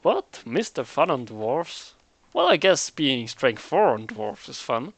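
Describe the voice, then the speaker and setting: A man's voice: medium pitch, big pitch swings, slow, vocal fry, fairly bright tone. A man hosting a casual game recap, chatty and joking as he thinks aloud. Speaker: recap host.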